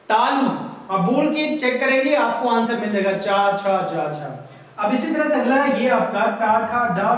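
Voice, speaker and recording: A male teacher giving an exam-prep grammar lecture, explaining step by step and asking questions he then answers himself. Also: very high voice. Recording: very echoey room, voice from far off.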